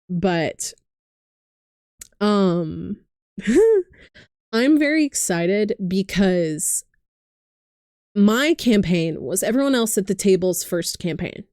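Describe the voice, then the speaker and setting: A woman's voice: mid-range voice, darkish tone, smooth, dry recording, studio quality. A woman vlogger rambling casually about her hobbies, often correcting herself and laughing. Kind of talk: casual chatty monologue.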